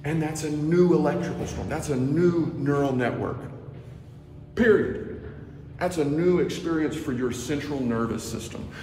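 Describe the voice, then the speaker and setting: A movement instructor in his thirties films himself on a phone held at arm's length while walking through an indoor stairwell, demonstrating a practice. His slightly high, gravelly voice is warm, and he speaks slowly and drawn-out, slipping into murmured asides that sink almost to a whisper. The stairwell is echoey, with noisy ambience around him.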